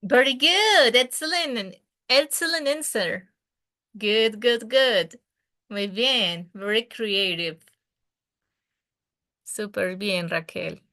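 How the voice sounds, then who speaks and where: A woman's voice: a little high, lively intonation, extremely slow, long pauses, pushed and bright. A Spanish-speaking woman teaching an English class over a video call, patient and encouraging, explaining pronunciation step by step.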